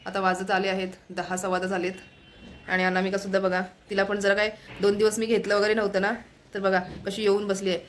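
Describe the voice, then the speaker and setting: With a totally flat, medium-pitched delivery and a slightly quick pace, a family vlogger chats her way around the house, phone camera in hand. She keeps viewers pointed at her tasks as slight background noise carries on indoors.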